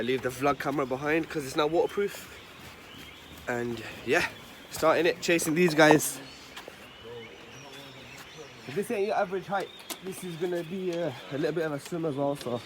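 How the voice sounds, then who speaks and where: A man vlogging excitedly while hiking through a river canyon, joking with his friends and a little out of breath. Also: a little high. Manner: excitable, joking, increasingly hyped. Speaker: travel vlogger. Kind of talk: casual adventure vlogging. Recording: loud rushing water noise. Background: rushing water.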